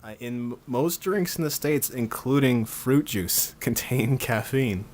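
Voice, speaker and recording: A man from Canada hosting a casual group podcast chat on a call, chatty and quick to laugh as he steers the talk. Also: medium pitch, a little mellow, slight background noise. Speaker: podcast host.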